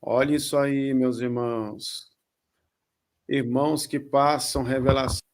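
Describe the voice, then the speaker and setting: A man's voice: mid-range voice, fairly even intonation, measured pace. A man, a pastor interjecting exhortations to the congregation with repeated calls. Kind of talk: sermon commentary.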